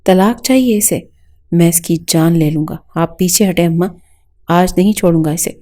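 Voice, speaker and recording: A woman voicing a furious, jealous young male police inspector who shouts threats at his wife in a storybook reading. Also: fairly low pitch, lightly acted.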